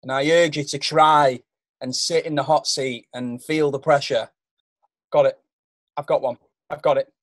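A man's voice: fairly high pitch, fairly even intonation, moderate pace, long pauses, dry recording. A young adult man chatting playfully as a singer guest, rambling and poking fun at himself, often stumbling over his words. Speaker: singer guest on a song game. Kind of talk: playful casual chat.

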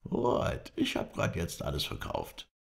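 A man's voice: extremely low pitch, huge pitch swings, unhurried, gravelly, full character voice. A man voicing a fawning, eager male house watchman who is keen to please.

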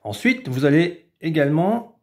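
A man, a preschool teacher, explaining a home activity to parents in a patient, step-by-step way, sometimes stretching words out slowly. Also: fairly high pitch, sing-song. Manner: patient, explanatory, drawn-out syllables when demonstrating. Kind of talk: instructional video for parents.

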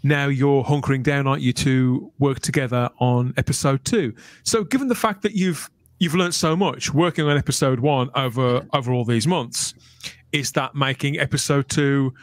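A middle-aged man hosts a podcast in a conversational interview style, speaking close to a desk microphone in a small room at home. His mid-range voice moves at a moderate pace, with no room sound.

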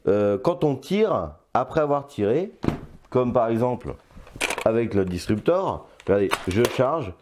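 A man's voice: medium pitch, very animated, unhurried, background noise. An older man reviewing a toy blaster in casual, playful chat, often stopping to hesitate. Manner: chatty and playful, with many hesitations.

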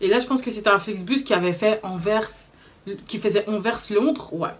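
A young vlogger with a Belgian French accent tells a story to camera in casual chat, animated and indignant and sprinkling in slangy fillers. Her voice sits at medium pitch and moves at a moderate pace.

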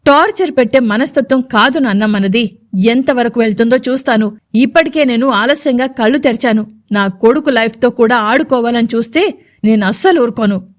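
A stern middle-aged father in a storybook audio drama speaks with firm resolve, played by a woman narrator. The voice stays fairly high for a man. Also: moderate pace, natural voice. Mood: stern anger. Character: indignant middle-aged son, protective father.

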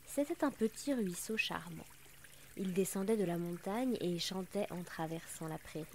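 A woman narrating a children's story aloud, gently and softly, often dropping close to a whisper. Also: fairly low pitch, slight background noise. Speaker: reader.

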